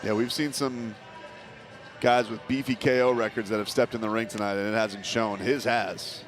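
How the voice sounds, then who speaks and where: A man's voice: lowish voice, steady tone, moderate pace, over music. A man calling a boxing broadcast as play-by-play commentator, summing up and handing over. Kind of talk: live sports broadcast commentary.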